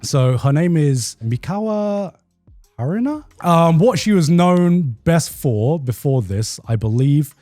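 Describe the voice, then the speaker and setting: Mellow man chatting casually, dry close sound. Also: fairly high pitch, lively intonation, slow pace, no echo, soft background music. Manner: informal, swears freely. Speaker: show host who cast an anime. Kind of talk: casual chat, telling an anecdote.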